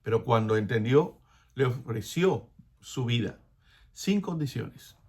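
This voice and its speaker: Guy preaching, lively, goes quiet and prayerful sometimes, mid-pitch voice. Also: slow pace. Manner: acts out biblical dialogue with hushed prayerful asides; animated, laughs between phrases. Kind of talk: sermon.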